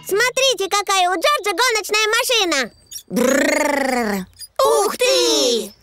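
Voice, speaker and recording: A cartoon dub performer playing a cheerful, bossy little girl piglet, excitable and childlike. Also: very high-pitched, slow, full character voice. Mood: excited. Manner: excitable, emphatic. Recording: music behind.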